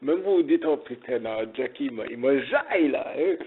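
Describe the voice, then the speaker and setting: A man's voice: medium pitch, animated, normal speed, breathy edge. A man rambling casually in a joking, digressive monologue, with a tinny phone-like sound. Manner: joking, digressive, slips into mock Italian. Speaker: content creator talking about modeling.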